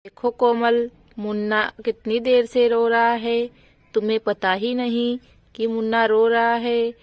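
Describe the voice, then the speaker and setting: A bossy older sister-in-law nags and scolds loudly in a doll storybook. Her voice is fairly high, and she speaks slowly and deliberately, a woman putting her on. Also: level tone, dry recording, muffled recording. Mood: scolding. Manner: loud, scolding and nagging.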